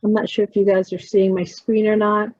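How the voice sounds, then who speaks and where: Leading a poetry workshop over video, this woman with a New Jersey accent chats in a brisk, slightly mellow voice of medium pitch that barely rises or falls. She tends to trail off while working through screen sharing. Her computer mic gives dull, lo-fi call audio with no room sound.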